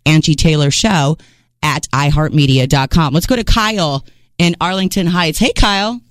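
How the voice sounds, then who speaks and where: A man hosting a rock radio show, joking and riffing in quick, hyped banter from a studio mic. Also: on the high side, fairly bright tone, clear, resonant tone, no echo. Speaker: radio host. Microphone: studio microphone.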